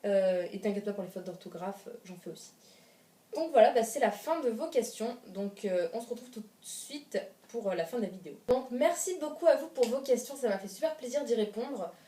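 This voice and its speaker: A woman's voice: fairly high pitch, lively intonation, brisk, dark tone. A woman answering viewer questions in a casual vlog, rambling with many fillers and restarts. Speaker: YouTuber. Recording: roomy sound, from a distance.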